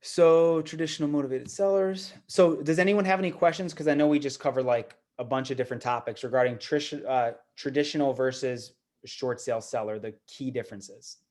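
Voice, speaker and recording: A man's voice: medium pitch, brisk, few pauses, darkish tone. A man giving a casual, conversational seminar talk to an audience of investors, often repeating words. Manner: conversational, repeats words, fillers like "you know". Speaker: guest speaker at investor meeting.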